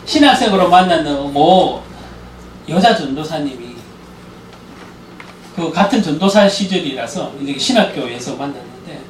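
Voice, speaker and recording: A man's voice: fairly high pitch, normal speed, pauses often, roomy sound, far from the mic, a little hiss or hum, rough recording. A man giving a church lecture on marriage and parenting, telling stories and acting out the dialogue. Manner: animated storytelling, acting out quoted dialogue.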